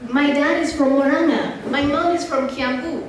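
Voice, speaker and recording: Born in Nairobi, Kenya, and partly raised abroad, a woman speaks as guest speaker and mentor, giving a motivational talk to young people in a large, echoey indoor church. Her high-sitting voice moves at a moderate pace as she tells stories conversationally and addresses listeners directly. The recording is very echoey, with a distant mic and faint noise.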